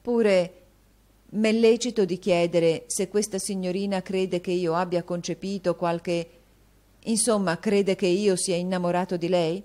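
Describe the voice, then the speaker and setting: A woman's voice: fairly low pitch, steady tone, measured pace, dark tone, natural voice. A woman voicing an earnest, flustered young male tutor who pleads insistently to be heard. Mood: earnest, indignant.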